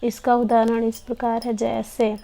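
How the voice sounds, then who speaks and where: A woman's voice: fairly high pitch, flat delivery, measured pace, creaky, mellow. A woman teaching a Hindi lesson, patiently explaining and sounding out each consonant one by one. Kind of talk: slow classroom explanation.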